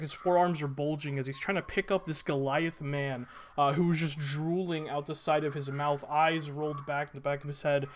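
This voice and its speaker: A man working as game master, improvising descriptive narration in a halting, casual way. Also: fairly high pitch, a little hiss or hum.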